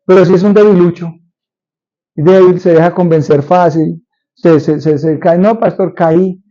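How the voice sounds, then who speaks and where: Pastor preaching, a man with a mellow, muffled voice. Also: high-pitched, fairly even intonation, a little slow. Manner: preaching with rhetorical questions to the congregation. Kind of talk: sermon.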